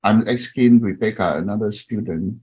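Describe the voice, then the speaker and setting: A man in his fifties from Taiwan with a Taiwanese accent, a professor introducing himself to an online class in halting speech full of fillers and restarts. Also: fairly low pitch, darkish tone, husky.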